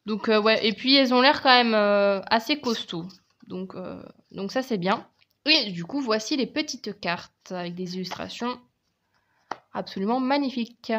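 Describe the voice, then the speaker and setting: A woman's voice: a little high, normal speed, a bit bright, muffled recording. A woman with a French accent presenting her oracle card decks in a casual, chatty video, often hesitating and restarting her sentences. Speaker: tarot and oracle card reviewer.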